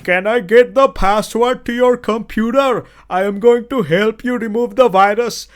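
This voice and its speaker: A man's voice: sits high, moderate pace, soft background music, pitched above the performer's own voice, natural voice. A man voicing a male tech-support scam caller in an exaggerated, mock-polite put-on Indian English accent.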